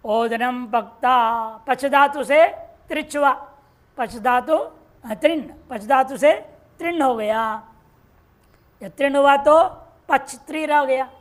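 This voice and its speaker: A woman teaching Sanskrit grammar in a classroom lecture, reciting word forms slowly and explaining each step patiently. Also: sits high. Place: ashram classroom.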